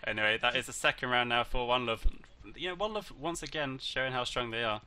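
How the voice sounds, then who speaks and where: A man's voice: medium pitch, fast talker, bright, forceful tone, clean tone. A tired man hosting a live esports stream over a headset mic. He talks in a chatty, rambling way and makes joking asides to the chat. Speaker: esports caster and host. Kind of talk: casual live-stream commentary. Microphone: headset mic with voice activation.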